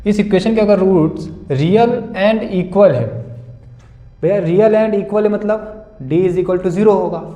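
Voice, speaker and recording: Speaking a little slowly in a high, dark-toned voice, a young man solves board-exam maths problems and addresses students as "beta" and "bhaiya." He poses and answers his own questions, and the room echoes.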